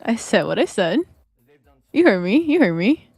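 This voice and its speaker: A woman's voice: medium pitch, sing-song, normal speed, darkish tone, husky, dry recording. A woman in her late teens chatting casually on a stream, playful and teasing, often repeating herself. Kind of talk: casual chat.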